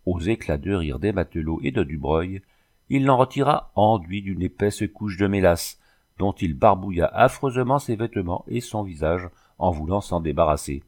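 A man reading a classic novel aloud as an audiobook narrator, in steady, measured storytelling. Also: sits low. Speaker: audiobook reader. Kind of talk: scripted narration.

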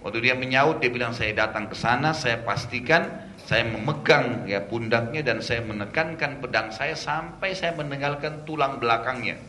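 A man preaching a storytelling religious lecture, animatedly retelling events, acting out the characters' lines and dropping casual asides. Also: pushed and bright. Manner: casual asides with conversational fillers. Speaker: Islamic preacher. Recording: roomy echo with faint rumble.

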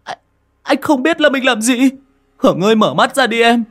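A man's voice: very high-pitched, lively intonation, moderate pace, warm tone, voice pushed up. A man doing a horrified stammering young man. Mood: anguished. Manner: stammering, desperate cries. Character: young man, horrified and remorseful after waking.

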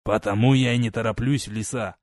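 A man's voice: medium pitch, steady tone, darkish tone, no room sound, clean studio sound, natural voice. A man reading a wry seasoned captain. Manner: wry, measured.

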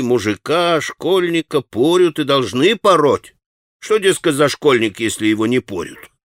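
A man's voice: on the high side, fairly bright tone, no room sound, clean studio sound, pitched above the performer's own voice. A man voicing a self-assured, mocking teenage boy in an audiobook. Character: cocky clever teenage boy, bossy.

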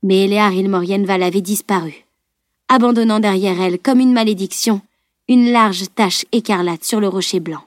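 A woman's voice: medium pitch, no echo. Woman narrating an audiobook, dry and close. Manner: measured, steady storytelling.

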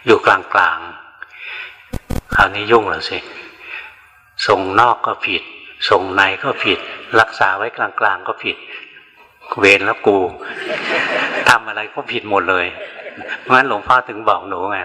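A man's voice: on the low side, a little slow, pauses often, bright, forceful tone, long reverb tail, rough recording. An older male Buddhist monk giving a dharma talk, telling stories plainly and answering questions from the audience. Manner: plain storytelling, frequent "na" tag.

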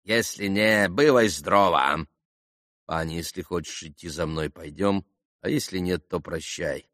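A man doing a haughty, pompous little gentleman. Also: low voice, no echo, clean studio sound, pitched below the performer's own voice. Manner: slow, haughty, clipped. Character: pompous small gentleman, stiff and proud.

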